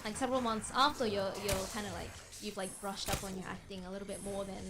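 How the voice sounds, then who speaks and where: A woman's voice: medium pitch, steady tone, fast talker, very noisy. An Australian woman, a guest voice actress, talking reflectively in a casual chat and agreeing often. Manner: reflective, many agreeing "yeah"s.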